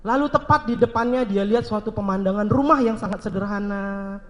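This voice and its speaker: A man's voice: high voice, a little fast, fairly bright tone, big-room sound. A man giving a motivational seminar talk, asking the audience questions and telling a story. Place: seminar hall.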